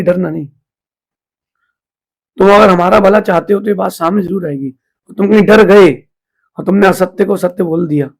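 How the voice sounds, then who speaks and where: Husky high-voiced monk giving a sermon. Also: male voice, darkish tone. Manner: conversational teaching, mixing in English phrases. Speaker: Jain monk giving a discourse.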